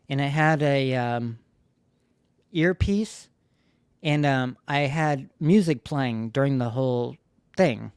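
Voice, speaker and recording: Rambling man telling a story, clear dry voice. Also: a little high, no echo. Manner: rambling, many fillers and restarts, grows loud when reliving the shouting. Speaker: livestream host. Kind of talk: casual storytelling livestream. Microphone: streaming studio mic.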